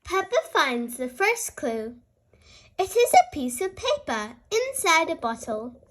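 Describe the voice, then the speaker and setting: The host of a children's read-aloud show reads a picture book for small children in a very high-pitched, young-sounding voice. The pace is slow and the delivery highly animated, full of cheerful expression aimed right at the listener.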